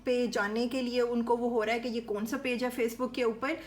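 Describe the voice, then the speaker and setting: A woman walks viewers through redesigning a suit, one step at a time. Her voice sits high, and her delivery is chatty and instructional. She keeps checking in with the audience as she explains. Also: little pitch movement, normal speed. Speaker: dress design tutor. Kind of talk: instructional sewing tutorial.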